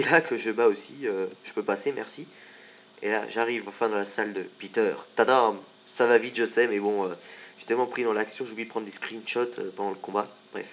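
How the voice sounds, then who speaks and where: A man giving casual gameplay commentary, chatty and joking as he plays. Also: lowish voice. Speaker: let's play commentator.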